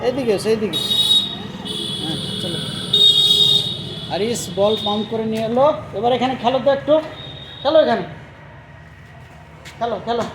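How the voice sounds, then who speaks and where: A woman's voice: a little high, moderate pace, long pauses. A woman from West Bengal filming her children for a casual family vlog, coaxing them along with short, repeated commands. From West Bengal, India. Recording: noisy phone recording.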